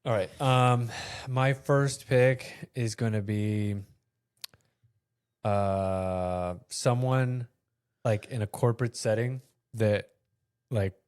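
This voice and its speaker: A man co-hosting a podcast, chatting in a laid-back, quiet way with lots of short agreements. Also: mid-range voice, slow pace, clean tone. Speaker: podcast co-host. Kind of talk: casual chat.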